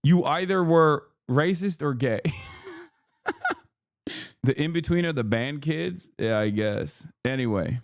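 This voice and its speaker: A man's voice: fairly high pitch, slow, long pauses, no echo, studio quality. Rambling, joking male streamer. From Turkey. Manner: rambling, profane, joking asides. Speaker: streamer reacting to clips. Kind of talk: casual reaction commentary.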